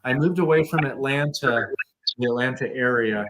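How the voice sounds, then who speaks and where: A man's voice: mid-range voice, normal speed, noisy background. A man co-hosting a live show, ranting in a casual, heavily profane way. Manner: ranting, swears constantly. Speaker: co-host of a live variety show.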